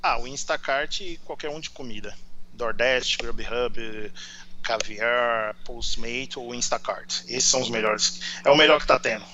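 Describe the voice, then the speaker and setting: A man's voice: mid-range voice, measured pace, a crowd in the background. Chatty Brazilian man on a dull stream. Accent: São Paulo Portuguese. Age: 40s. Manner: chatty storyteller. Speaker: guest. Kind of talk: casual interview chat.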